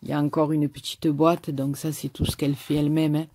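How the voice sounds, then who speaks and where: A woman with a southern French accent, a craft YouTuber, talks casually while opening mail, gushing, repeating herself and stammering. She speaks a little fast in a low, mellow, husky voice with little pitch movement.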